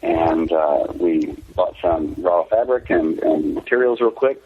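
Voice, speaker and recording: A man's voice: deep voice, a little slow, slightly rough. A man, a company founder, telling candid, rambling anecdotes in a casual interview over the phone. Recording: tinny phone line.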